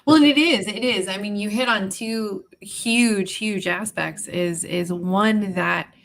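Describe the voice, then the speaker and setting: Brief: woman host, mid-pitched, earnest and reflective, motivational speaker. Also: takes it slowly, a bit bright. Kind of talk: interview conversation.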